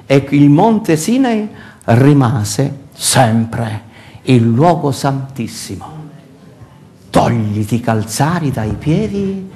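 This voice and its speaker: An older man with a Sicilian Italian accent preaching a sermon as pastor in a church hall, animated and full of rhetorical questions, recorded from a far camera. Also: medium pitch.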